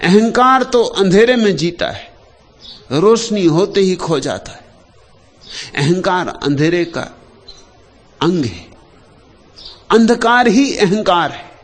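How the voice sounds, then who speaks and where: A man with a fairly high voice delivers a spiritual discourse at a very slow, deliberate pace. His pitch swings widely, sinking to hushed low phrases and climbing to loud emphatic ones, with long pauses between short lines. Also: sing-song. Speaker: spiritual teacher.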